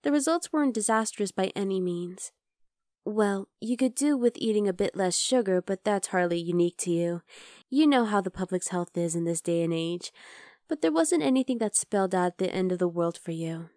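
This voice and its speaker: In a lightly acted ASMR roleplay, a woman plays an obsessive, chatty vampire lab worker who coaxes and teases the listener, coy and talkative, with soft asides. Her voice is medium in pitch, animated, and moderately paced. The studio sound is clean, with no room sound.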